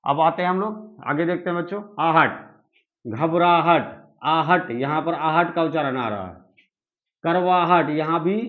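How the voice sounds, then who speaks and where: Man, slightly high voice, patient grammar teacher, muffled lo-fi sound. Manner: repeats examples slowly, addresses students. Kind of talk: exam-prep grammar lesson. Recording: muffled lo-fi recording.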